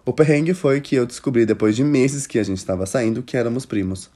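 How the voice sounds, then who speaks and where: A Brazilian-accented man hosts a casual chat, reading listener stories aloud. His manner is gossipy and animated, with frequent laughs and loud exclamations. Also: medium pitch, brisk. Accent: Brazilian Portuguese. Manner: gossipy and expressive, laughs often, exclaims loudly.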